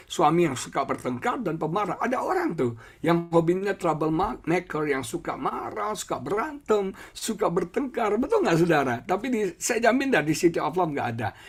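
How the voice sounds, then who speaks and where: A middle-aged man preaching a church sermon, telling stories in an animated way and often calling out to the congregation. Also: high voice, husky. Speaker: pastor. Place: church service.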